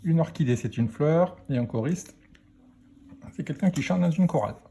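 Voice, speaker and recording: A man teaching a phonics lesson to children, speaking slowly and deliberately as he spells out letters and sounds. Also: a little high, animated, creaky, mellow, slightly rough.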